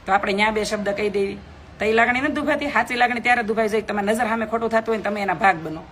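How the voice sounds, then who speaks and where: A middle-aged woman talks quickly and bluntly into her phone, lecturing her live-stream viewers. Her voice sits at a middle pitch, and a faint hiss runs under it. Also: fairly bright tone. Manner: blunt, scolding, preachy.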